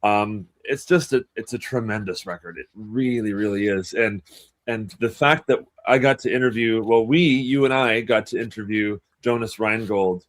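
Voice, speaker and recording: A man's voice: fairly low pitch, normal speed. A man in his twenties co-hosting a podcast panel, gushing earnestly and restarting his sentences. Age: 20s. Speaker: co-host. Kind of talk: casual panel chat.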